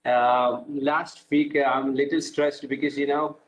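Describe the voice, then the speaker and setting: A man's voice: medium pitch, little pitch movement, measured pace, low-quality recording. A man, sharing informally and hesitantly in a group session.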